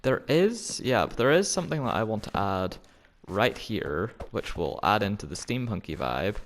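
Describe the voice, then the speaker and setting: A man's voice: fairly low pitch, big pitch swings, moderate pace, slight background noise. A man talking to himself in a casual, rambling way while he plays a building game and chats to the viewers. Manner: rambling, self-talking, playful. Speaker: Minecraft gameplay commentator. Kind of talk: casual gameplay commentary.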